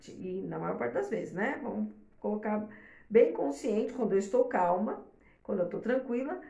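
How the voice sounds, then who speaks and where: Middle-aged woman mentor, live class, chatty with tag questions, gravelly, in an echoey room. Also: mid-range voice, a little mellow. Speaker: mentor for mothers. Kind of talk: live online class talk.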